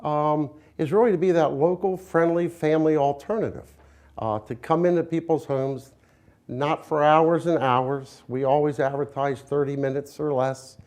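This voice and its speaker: A man's voice: fairly high pitch, fairly even intonation, moderate pace, darkish tone. An American man, a business owner, giving a conversational promotional interview in a plain-spoken, explanatory, folksy way. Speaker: window company owner, interviewee.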